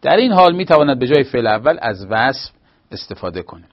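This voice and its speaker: Patient grammar teacher, dull recording. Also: male voice, mid-range voice, big pitch swings. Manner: explanatory, patient, with hesitations. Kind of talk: grammar lesson.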